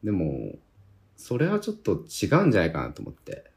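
A man from Tohoku in Japan with a slightly husky voice, chatting casually as a podcast co-host. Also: low voice, wildly swooping pitch, brisk, a little mellow. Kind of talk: casual chat.

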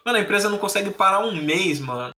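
A young Brazilian man speaks with a Brazilian Portuguese accent in a casual podcast chat. He rambles in slang and fills pauses freely. His voice sits a little high and sounds bright. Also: animated, a little hiss or hum. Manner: slangy, rambling, lots of filler. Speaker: podcast co-host.

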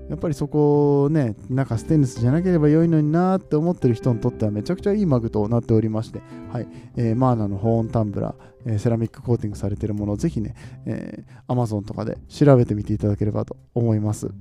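A man from Nagoya, Japan, hosting his podcast in a relaxed, chatty way, often chuckling and asking listeners questions. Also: mid-range voice. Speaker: podcast host. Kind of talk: casual solo chat.

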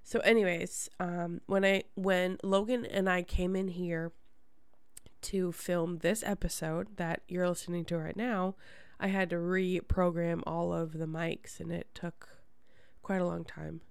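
A woman's voice: fairly low pitch, steady tone, a little slow, creaky, clean tone, no echo. A woman hosting a podcast in casual chat, with a congested, nasal voice and a chatty, rambling manner. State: congested from a sinus problem. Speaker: podcast host.

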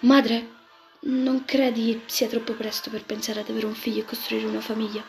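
A woman's voice: a little high, monotone, normal speed, a little mellow, close to an everyday voice. A woman voicing a sweet sixteen-year-old girl in love who speaks affectionately, with music playing behind. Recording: background music throughout.

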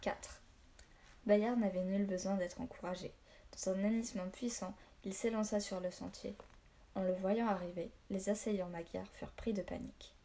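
A woman reads an adventure novel aloud with a mellow, warm tone at a middle pitch. Her delivery is steady and storytelling, with small slips she goes back to correct. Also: normal speed. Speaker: narrator.

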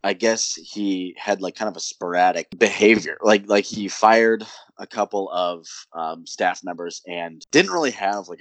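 A young man with a low voice co-hosts a sports podcast, chatting in a relaxed, rambling way packed with "like" and "um." There's no echo on the recording.

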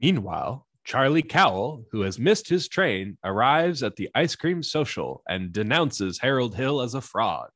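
A man's voice: mid-range voice, sing-song, unhurried, few pauses, a bit bright, no room sound, studio quality. A man co-hosting a podcast, recapping a plot and joking in a sarcastic, self-deprecating way. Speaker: podcast co-host. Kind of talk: casual chat and plot recap.

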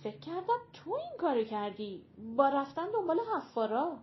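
A shrill, touchy young girl, as a woman narrator puts her on, her voice leaping up high and swinging wide. She sounds sulky and quick to flare up. The audiobook recording is a little dull and lo-fi. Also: sing-song, slight background noise. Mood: hurt.

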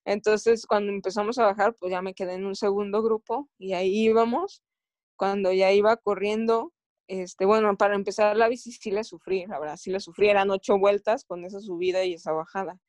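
A woman's voice: medium pitch, fairly even intonation, a little fast, darkish tone, no echo. A woman with a Mexican accent, an athlete recounting her experiences in a casual interview, often stopping and restarting her phrases. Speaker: Olympic athlete guest.

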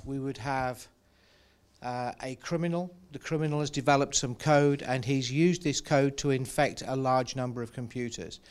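A man's voice: medium pitch, smooth. Man explaining cyber attacks. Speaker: cybersecurity expert. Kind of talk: panel discussion.

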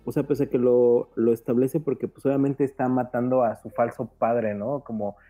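A man's voice: medium pitch, level tone, normal speed, warm tone, soft background music. A man, a guest on a podcast, talking at length in a casual discussion and thinking aloud with plenty of fillers. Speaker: guest film commentator.

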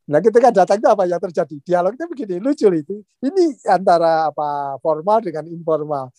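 A man, telling stories in a casual chat, animated and laughing often as he acts out quotes. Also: high-pitched, brisk, dry recording.

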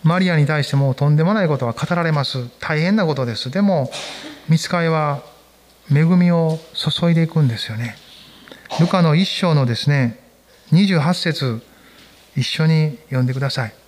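A male pastor with a notably high-pitched voice delivers a church sermon. He speaks in an earnest, pastoral way and invites the congregation to read scripture along with him. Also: normal speed, darkish tone, a little hiss or hum. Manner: earnest, pastoral, leads the congregation in Bible reading. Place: church service.

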